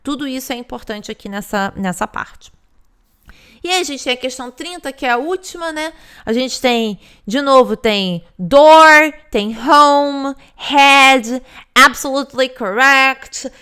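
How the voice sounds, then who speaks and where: Brazilian woman teacher, fairly high and bright, clear delivery, patient explainer who keeps checking in with the viewer. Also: unhurried. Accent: Brazilian Portuguese. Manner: explanatory, repeats points, many "né" and "tá". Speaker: English test teacher. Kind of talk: recorded lesson explanation.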